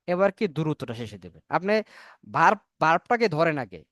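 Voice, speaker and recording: A man's voice: on the high side, big pitch swings, moderate pace, a bit bright, dry recording, studio quality. A man teaching a spoken English class on a video call, explaining in Bengali, asking and answering his own questions and spelling words out letter by letter. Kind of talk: online class lecture. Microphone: computer mic on a video call.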